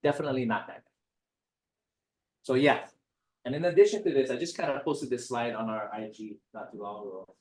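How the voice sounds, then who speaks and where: A guest speaker from Hawaii gives a relaxed lecture-style talk, chatty and full of jokes and digressions. His middle-pitched voice runs a little fast with long pauses. The recording is echoey, with him standing some distance from the mic.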